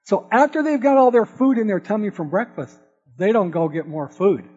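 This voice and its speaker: A man's voice: high voice, normal speed, a little mellow. A man preaching to an audience, telling a playful folksy farm story and joking with the crowd. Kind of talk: sermon with storytelling. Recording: dull audio with long hall reverb.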